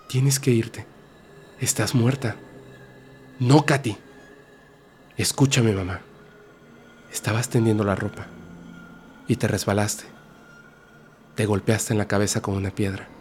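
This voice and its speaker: Brief: a man playing a patient schoolgirl, gentle and firm, low calm voice, faint music behind. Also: slow, long pauses. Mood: firm pleading.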